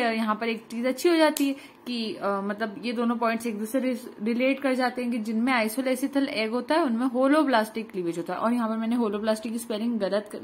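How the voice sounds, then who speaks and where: Indian woman tutor, fairly high voice, explains step by step, faint hiss behind. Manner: explanatory, asks and answers own questions, reads English notes slowly. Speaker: online exam-prep tutor. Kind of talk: Hindi-English revision lecture.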